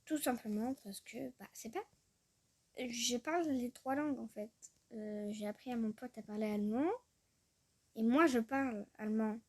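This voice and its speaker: A young woman chatting casually as a vlogger, trailing off often, giggling, and sounding out foreign words haltingly. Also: fairly high pitch. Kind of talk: casual screen-recorded chat.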